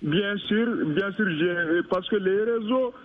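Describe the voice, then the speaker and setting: A man's voice: high-pitched, slow, phone-quality sound. A man from West Africa with a West African French accent, calling in to a radio show, eager and grateful. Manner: eager, grateful, short affirmations. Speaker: radio caller. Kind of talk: phone-in conversation.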